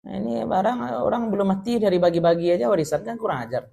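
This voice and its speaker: A male Islamic teacher with a Minangkabau accent gives a lively lecture. He explains Arabic words and jokes with his listeners. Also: high voice, fast talker, vocal fry. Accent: Minangkabau Indonesian. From West Sumatra. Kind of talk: religious study lecture.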